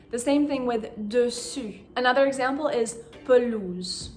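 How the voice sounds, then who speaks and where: A woman teaching pronunciation in a slow, careful instructional manner, sounding out words and single sounds deliberately. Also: on the high side.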